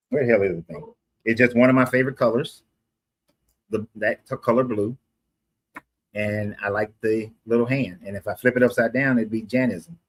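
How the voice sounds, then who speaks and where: This is casual street talk from an Atlanta, USA man who debates, explains things at length, and corrects himself mid-thought. He speaks on the low side, with a slightly rough voice.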